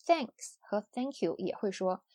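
Chatty woman teaching English, mellow voice. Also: mid-range voice, lively intonation, unhurried, no echo. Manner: friendly and chatty, with soft sentence-final particles. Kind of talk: explaining English usage to students.

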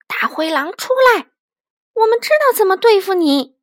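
Woman doing a fierce mom yelling off monsters, high voice. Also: moderate pace, no echo, studio quality. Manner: fierce and scolding. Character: brave mother fighting off monsters.

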